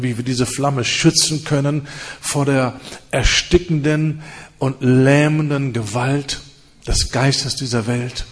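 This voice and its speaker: A man preaching and leading prayer with fervor, in repeated rising phrases and hushed stretches. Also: mid-range voice. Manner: fervent, repetitive prayer cadence with hushed stretches. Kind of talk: sermon and prayer.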